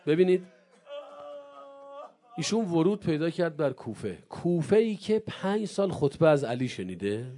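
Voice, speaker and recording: A male preacher delivering an impassioned mourning sermon, swinging from low murmurs to loud cries. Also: very animated.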